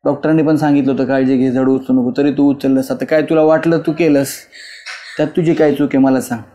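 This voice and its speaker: A man playing a rural husband who gently and repeatedly reassures his grieving wife in a village web drama. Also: mid-range voice, fairly even intonation, fast talker, close to an everyday voice. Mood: consoling. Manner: soothing, reassuring, repetitive.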